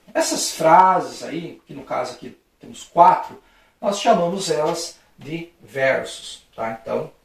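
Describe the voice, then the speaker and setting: A man's voice: a little high, creaky, far from the mic. A man with a Brazilian Portuguese accent teaching a recorded lesson at a board, friendly and patient, ending his points with a checking "right?" and acting out playful examples. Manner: friendly, with frequent checking "tá?" tags; acts out a playful street-shouting example for stress. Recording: very echoey room, voice from off-mic.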